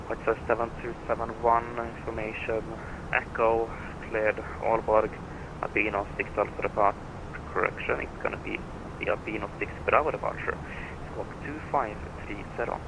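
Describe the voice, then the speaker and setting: A man's voice: little pitch movement, normal speed. A man working as an air traffic controller, giving formulaic procedural instructions over the radio. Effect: radio transmission. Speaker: air traffic controller on a flight simulator network. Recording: rumbling, noisy radio channel.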